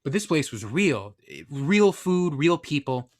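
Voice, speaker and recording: A man's voice: on the high side, very animated, slow. A young man from the Northeastern US casually telling a personal story, candid and self-deprecating, with rambling asides. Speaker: podcast storyteller.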